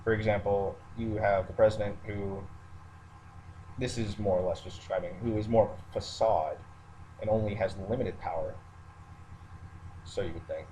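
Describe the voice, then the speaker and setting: With a fairly low, dark, steady voice at normal speed, this military man pauses often during an unscripted online video rant. He speaks matter-of-factly to listeners, hesitating as he thinks aloud. The low-quality recording picks up background noise, and a roommate is nearby.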